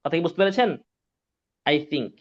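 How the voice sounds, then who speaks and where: A man's voice: on the high side, lively intonation, moderate pace. A male Quran teacher, giving a live online pronunciation lesson, patient and repetitive, often checking whether students follow. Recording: dull lo-fi sound.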